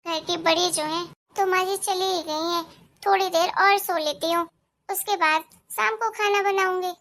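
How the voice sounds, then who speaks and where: A woman plays a young daughter-in-law in a cartoon moral story. She talks to herself in a chatty, grumbling run of thoughts. The voice sits very high. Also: steady tone, moderate pace, a bit bright.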